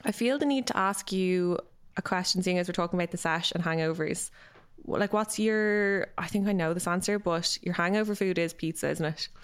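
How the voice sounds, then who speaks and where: A woman's voice: fairly low pitch, clear, resonant tone. Teasing woman podcast host. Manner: teasing, chatty, quick jokes. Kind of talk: casual chat.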